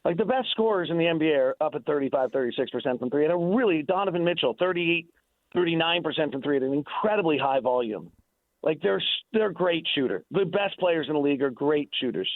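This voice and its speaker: An American man offers unscripted sports analysis and debate on radio, insistent and emphatic and often repeating himself. His voice is on the high side, fast, with lively intonation. The dry recording comes over a thin phone line.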